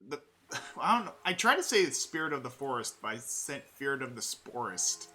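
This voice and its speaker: A woman's voice: very deep voice, big pitch swings, a little fast, sharp tone. A woman co-hosting a stream with casual, teasing and playful banter. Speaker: stream co-host.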